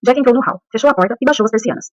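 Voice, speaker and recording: A woman narrating a first-person audiobook at a brisk, rushing pace. Her reading stays steady and even. The sound is muffled and very dry, with no room around it. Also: fairly high pitch, no room sound.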